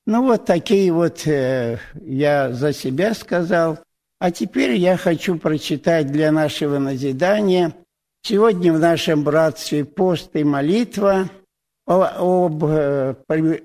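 A man in his eighties, a church presbyter, telling his life story to the congregation in a halting way, with many restarts and hesitations. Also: on the high side, darkish tone. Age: 80s. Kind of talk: testimony in church.

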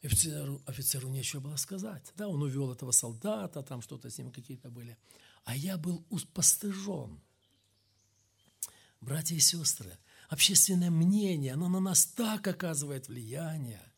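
High gravelly-voiced male preacher. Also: expressive, normal speed. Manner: swings between loud emphatic peaks and low quiet asides; acts out quoted speech in a raised voice. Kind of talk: sermon.

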